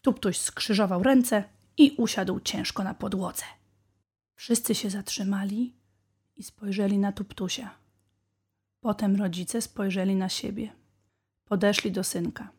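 A woman's voice: medium pitch, steady tone, measured pace, a little mellow, slightly rough. Woman reading a children's tale. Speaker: storyteller. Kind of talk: scripted narration of a children's tale.

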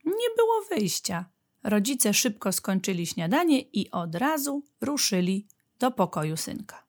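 A woman narrating a children's storybook with a clear, gentle read-aloud delivery. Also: medium pitch, big pitch swings, a little slow.

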